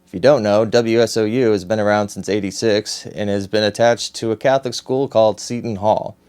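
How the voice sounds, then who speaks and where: A man's voice: lowish voice, fairly even intonation, a little fast, darkish tone. A man reading scripted satirical news in a dry, mock-serious anchor voice.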